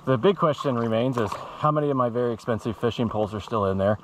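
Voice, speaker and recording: A middle-aged man vlogging outdoors while standing waist-deep in a river, talking bluntly and swearing freely, recorded on an action camera. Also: quick pace. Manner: blunt, swears freely, talks straight to viewers. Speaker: fishing vlogger. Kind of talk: casual outdoor vlog. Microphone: action camera mounted on the kayak. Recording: outdoor camera audio with water noise.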